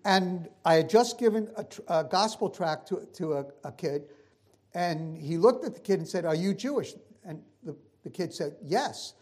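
Husky New preacher telling a story. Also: male voice, sits high, normal speed. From New York. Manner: punchy, animated storytelling with acted-out dialogue. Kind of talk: storytelling sermon.

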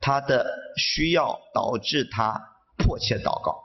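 A man interpreting a sermon phrase by phrase, somewhat halting. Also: mid-range voice, lively intonation, vocal fry, slightly rough, muffled recording.

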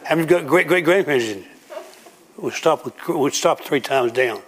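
A man's voice: fairly high pitch, expressive, moderate pace, fairly bright tone, husky. A man preaching a sermon to a congregation, telling homely stories and acting out everyday scenes. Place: church room with a congregation.

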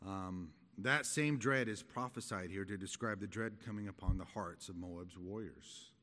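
A middle-aged man giving an expository Bible study in a halting, conversational, explanatory manner. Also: sits low, a bit bright. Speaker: Bible teacher. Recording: echoey hall with long reverb.

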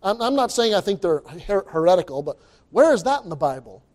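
A man preaching a sermon as pastor into a pulpit microphone, emphatic and repeating his words as he builds to loud exclamations. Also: sits high, very animated, brisk.

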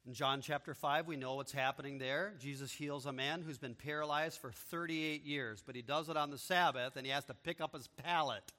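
A man preaching an expository sermon as a pastor, moving from quiet explanation to loud, emphatic proclamation. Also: fairly high pitch, steady tone, normal speed, hardly any pauses. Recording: long reverb of a large hall.

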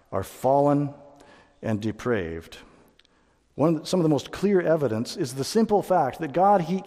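Male pastor, sermon, warm mellow voice, emphatic with loud peaks, long church reverb. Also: medium pitch. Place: church sanctuary.

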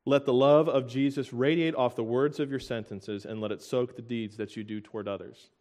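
A young man preaching a sermon, earnest and emotional, with halting restarts and soft laughs. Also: mid-range voice, steady tone.

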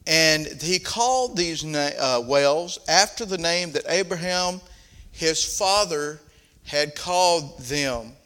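A man's voice: a little high, slow, sharp tone, clean tone. An older man with a Southern accent preaching a sermon in a folksy style, reading scripture and rising into emphatic points. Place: church platform, roomy.

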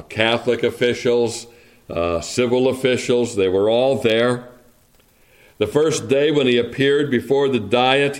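A male preacher delivering a sermon at an unhurried, deliberate pace. He reads scripture and then reflects on it, pausing to ask his listeners rhetorical questions. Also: mid-range voice. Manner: slow, measured, reflective delivery with rhetorical asides.

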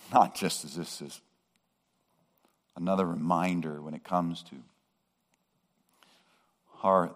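A male pastor preaches with a deep, low voice, delivering his sermon slowly and deliberately. His measured pace builds to emphatic rises and peaks.

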